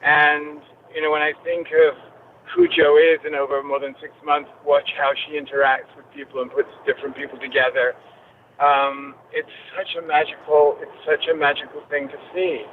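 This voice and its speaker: A woman calling in from a moving car over a clipped phone line, talking earnestly and haltingly, with many restarts. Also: sits low, level tone. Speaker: caller. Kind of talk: call-in chat. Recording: tinny phone line with road noise.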